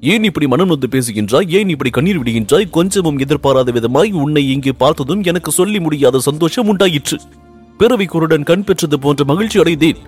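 A man's voice: fairly high pitch, lively intonation, a little fast, husky, faint music behind, voice pushed up. A man reading aloud and voicing an anxious young prince in love, speaking earnestly and pleadingly. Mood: anguished. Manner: earnest, pleading, rising with emotion. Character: young Pandya prince, ardent and anxious lover.

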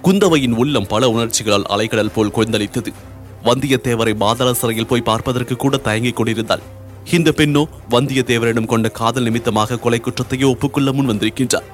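A man's voice: medium pitch, brisk. Male storybook narrator over faint music. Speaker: audiobook narrator. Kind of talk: scripted narration.

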